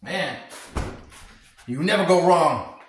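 A man's voice: fairly high pitch, expressive, slow. A man in his forties hosting a casual cooking vlog, talking to himself in a wry, crude way as he cooks in his home kitchen. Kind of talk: casual joking cooking commentary. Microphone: camera across the room. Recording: echoey kitchen with background noise.

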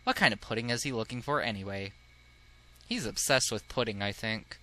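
A man's voice: lowish voice, a little fast, pushed and bright. A man casually commenting as he plays through a dating game, chatty and giggly. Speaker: let's play host.

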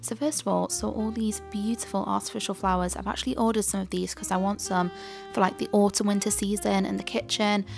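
Chatty young woman with vocal fry. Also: medium pitch, little pitch movement, fairly quick, faint music behind. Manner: chatty and gushing. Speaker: lifestyle vlogger. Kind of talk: casual vlog chat and shopping voiceover. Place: car, then voiceover.

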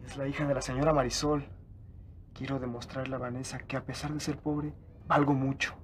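A man's voice: mid-range voice, flat delivery, fairly quick, a little hiss or hum, natural voice. An actor playing an earnest, sincere young man in love. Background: soap opera background music.

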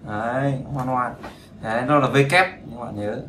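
Man, chatty teaching voice, bright tone, echoey room. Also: mid-range voice, slight background noise. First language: Vietnamese. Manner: chatty and teasing, repeats words slowly to drill them. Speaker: English teacher. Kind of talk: casual spoken lesson.

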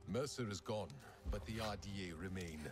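A grim resistance leader, played by a man in a video game, delivers his orders in a solemn, commanding voice. His tone sits on the low side. Game music plays clearly behind him. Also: moderate pace, lightly acted.

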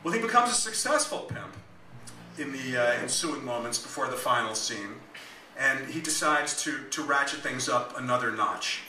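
A man reading his own novel aloud at a live club event, with dry, deadpan asides. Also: medium pitch, normal speed, a little hiss or hum. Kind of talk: live comic fiction reading. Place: small music club. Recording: echoey club, mic at a distance.

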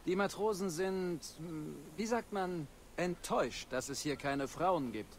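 An actor playing a pirate crewman who hesitates and searches for words while urging his captain, heard quietly from game audio. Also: high voice, unhurried. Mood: persuading.

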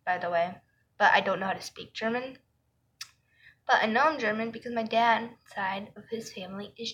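Slow-talking giggly female vlogger. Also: mid-range voice, a bit bright, dull audio, slight background noise. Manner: rambling, giggly, self-correcting. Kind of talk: casual chat to camera.

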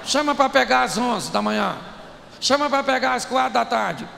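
A man with a high, very gravelly voice preaches to a live crowd, joking and calling out to them. His voice rings through a large echoey hall with faint noise underneath. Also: moderate pace. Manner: animated, jokey, addresses the crowd directly. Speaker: preacher, speaker. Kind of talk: humorous preaching to a live audience.

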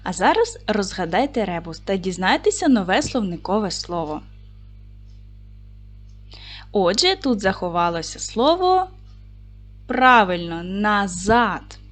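A woman teaching a recorded video lesson to fourth graders, speaking clearly and deliberately and reciting short rhymes. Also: mid-range voice, very animated. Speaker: primary school teacher.

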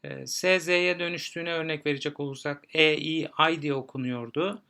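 A male teacher patiently explaining pronunciation rules to learners, spelling out letters and repeating example words slowly. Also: fairly high pitch, steady tone, creaky, pushed and bright, clear, resonant tone. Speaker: German teacher.

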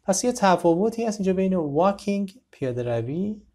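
A man teaching a beginner English lesson, saying each example sentence slowly and clearly and then explaining it conversationally. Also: high-pitched, big pitch swings, dark tone.

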